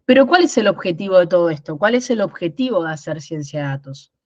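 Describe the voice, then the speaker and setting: A woman's voice: lowish voice, animated, quick pace, a little mellow, no echo. A woman from Rosario speaks with a Rosario Argentine accent as she leads an online workshop, explaining ideas step by step and checking in with her listeners. She sounds like she is in her thirties. The sound is dry and a little dull, as if recorded on a basic online call. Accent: Rosario Argentine Spanish. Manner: explanatory, repeats words and asks "¿no?". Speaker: workshop instructor.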